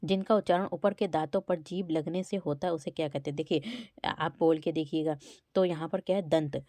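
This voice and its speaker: A woman's voice: low voice, steady tone, fairly quick, dark tone, no echo. A woman teacher going through exam quiz questions one by one, sounding out each letter aloud to show where it is spoken from. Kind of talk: exam-prep lesson.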